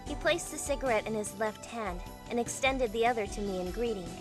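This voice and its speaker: Speaking briskly over music, a woman with a fairly high, natural voice narrates as a bewildered young heroine. It's first-person, introspective narration from an amateur visual novel dub.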